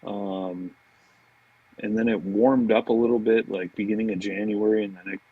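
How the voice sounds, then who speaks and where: Over phone-quality sound with a dry recording, this man talks at a moderate pace in a lowish, steady, slightly rough voice. He's a fishing marketing director guesting on a podcast, swapping anecdotes in a laid-back way with plenty of "man" and "you know."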